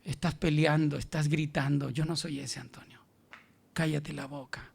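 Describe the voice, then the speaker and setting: Man doing the holy spirit, soft half-whisper, hushed, gentle rebuke, slightly raised pitch, gravelly edge. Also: steady tone, moderate pace. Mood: gently rebuking.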